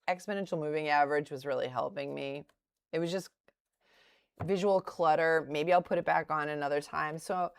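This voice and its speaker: A middle-aged woman from the Boston area, with a light accent there, hosts a live day-trading stream in a lowish voice. The studio sound is clean with no room echo as she comments while trading, thinking aloud with hesitant restarts and laughing asides.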